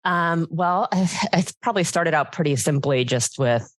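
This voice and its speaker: A woman's voice: low voice, normal speed, no echo. A woman psychologist, a podcast guest, chatting casually with a playful, teasing manner.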